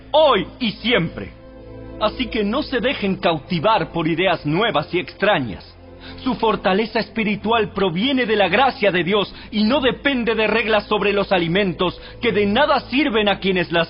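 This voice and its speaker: Male narrator, high-pitched, solemn and measured, for scripted audio Bible with faint background music. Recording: dull radio-like sound with music behind.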